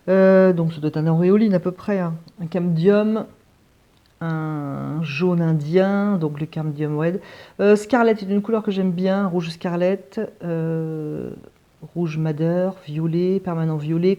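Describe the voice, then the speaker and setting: A woman with a low, warm voice chats casually on camera while opening art supplies. She thinks aloud, hesitating and filling pauses as she goes. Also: dull audio. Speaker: watercolor channel host. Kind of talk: casual unboxing chat.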